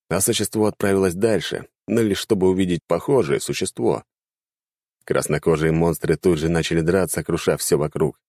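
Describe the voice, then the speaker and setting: A man narrating a fantasy war story with lively, dramatic delivery. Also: low voice, dry recording, studio quality.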